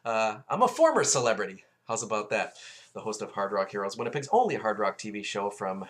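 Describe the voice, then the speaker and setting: A man's voice: on the low side, big pitch swings, a bit bright, slight background noise. Chatty man rambling into a webcam. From Canada. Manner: chatty, digressive, self-deprecating, talks fast. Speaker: webcam vlog host, former TV host. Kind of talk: casual rambling monologue to camera.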